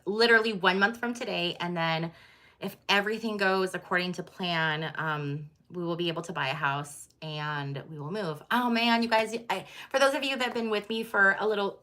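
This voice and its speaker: A woman's voice: lowish voice, bright, forceful tone. A middle-aged woman chatting candidly and casually to her viewers, with many fillers and restarts. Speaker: tarot channel host.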